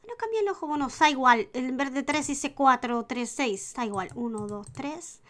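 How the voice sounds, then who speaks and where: A woman's voice: high-pitched, lively intonation, moderate pace. A woman with a Spanish accent who now and then slips into an Argentine one, chatting casually over a life-sim game, counting aloud and dropping into whispers. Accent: Spanish (Spain), sliding into a put-on Argentine. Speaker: gaming YouTuber. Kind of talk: casual Sims gameplay commentary.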